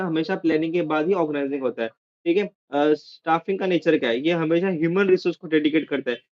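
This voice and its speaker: Chatty teacher, dull lo-fi audio. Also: male voice, a little high, darkish tone. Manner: chatty, repeats "theek hai" often. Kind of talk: casual exam-prep lesson.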